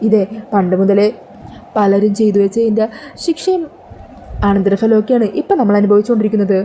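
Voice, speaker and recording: A woman voicing a stern, sharp-tongued old grandmother in a serial recap. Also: mid-range voice, brisk, a little hiss or hum, close to an everyday voice. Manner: stern, scolding.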